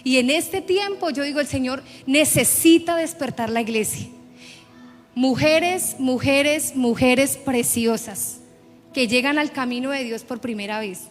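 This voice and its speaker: High-voiced woman preaching in a reverberant church. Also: unhurried. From Colombia. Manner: emphatic preaching with personal testimony. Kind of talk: sermon. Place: church sanctuary. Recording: church hall reverb with faint music.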